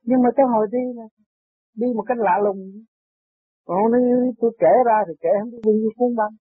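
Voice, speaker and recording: A man giving an earnest, preachy spiritual talk that turns into excited personal storytelling. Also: very high voice, fairly quick, slightly rough, no echo. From Vietnam. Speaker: spiritual teacher. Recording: tinny lo-fi tape recording, dry.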